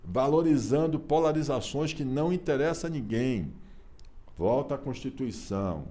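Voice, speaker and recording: A Brazilian man in his sixties, an author being interviewed, talking in an animated, emphatic way with rhetorical questions. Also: mid-range voice, normal speed. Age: 60s. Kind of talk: casual conversational interview.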